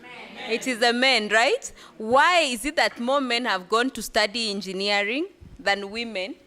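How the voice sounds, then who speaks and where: A woman's voice: a little high, a little slow, pushed and bright. A woman leading a workshop discussion, asking the room questions and laughing often. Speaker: workshop facilitator. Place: conference room.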